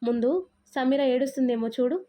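A woman voicing a stern, fair-minded older father-in-law who questions firmly and speaks gently to his daughter-in-law in a storybook reading. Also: high-pitched, level tone, brisk, close to an everyday voice. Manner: firm, questioning.

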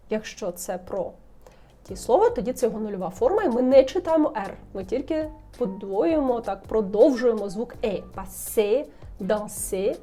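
A young woman teaching French pronunciation, repeating example words slowly and checking in with the viewer. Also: a little high, mellow. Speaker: French tutor. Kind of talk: language lesson, modelling pronunciation.

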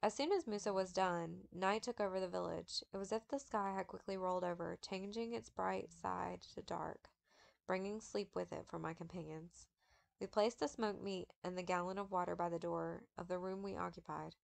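A woman reading a memoir aloud in a steady, measured manner, with occasional slips. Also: on the low side, vocal fry. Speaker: audiobook reader.

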